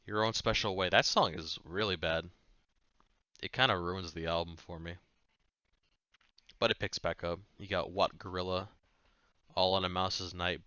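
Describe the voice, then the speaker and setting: Low-voiced man, casual and offhand. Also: bright, forceful tone, clean tone, no echo, lo-fi sound. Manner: rambling, offhand, swears casually. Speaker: music reviewer. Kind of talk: casual chat.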